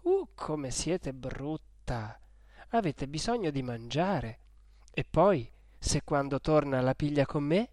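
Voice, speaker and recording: A man reading aloud and voicing a gruff, nagging old woman servant. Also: on the high side, lively intonation, slow, a little mellow, no echo, clean studio sound. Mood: scolding. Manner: nagging, scolding.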